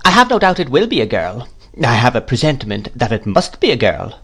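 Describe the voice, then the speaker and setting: A man's voice: mid-range voice, huge pitch swings, brisk, fairly bright tone, breathy edge, heavily acted. A man voicing an imperious, brusque, eccentric elderly woman in a theatrical audiobook, indignant and emphatic. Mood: insistent, commanding.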